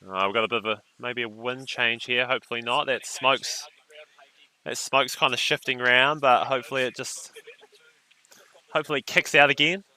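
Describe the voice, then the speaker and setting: A man's voice: medium pitch, fairly even intonation, moderate pace, bright, forceful tone, poor audio. A man commentating a surf contest on a live stream, with laid-back, joking banter.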